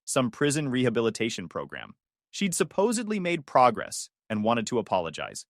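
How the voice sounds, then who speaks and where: A man reading a first-person drama in a measured, cool delivery. His pitch moves in a lively way, and the recording is dry and close with no room sound. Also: no room sound. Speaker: narrator. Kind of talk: storytime narration.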